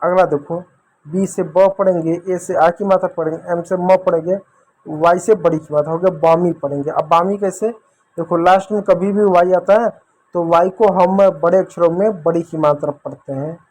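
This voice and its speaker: A man's voice: high-pitched, fairly even intonation, normal speed, darkish tone. A man explaining English reading rules to children in a patient, repetitive, step-by-step way. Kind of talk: phonics lesson for children.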